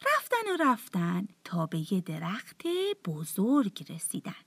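A woman telling a bedtime story to children in a soft, often half-whispered, tender voice. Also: on the low side, huge pitch swings, creaky, slightly rough, no room sound.

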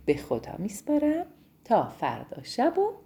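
A woman reading a bedtime story to children, greeting them affectionately and gently narrating. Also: on the high side, huge pitch swings.

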